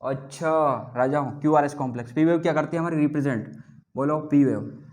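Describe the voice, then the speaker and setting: A male biology teacher giving a lively classroom lecture, drilling students to repeat terms back to him and teasing them playfully, mixing with terms. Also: a little high, a little fast. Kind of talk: classroom lecture with call-and-response.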